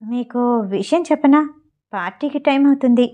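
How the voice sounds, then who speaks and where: A woman's voice: high-pitched, moderate pace, mellow, natural voice. A woman voicing a shy young wife in an audio novel, speaking with a playful, teasing tone.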